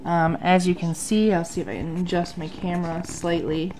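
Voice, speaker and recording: The recording is low quality, with a little hiss or hum, carrying a woman's lowish, darkish voice delivered flatly at a normal speed. A bullet journal vlogger in her thirties, nasal from a sinus infection, she chats casually through her journal at a home desk under an overhead light, using lots of ums.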